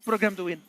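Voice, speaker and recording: A man with an Indonesian accent calling live esports play-by-play in an excitable, dramatic way, repeating phrases for emphasis. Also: very high voice.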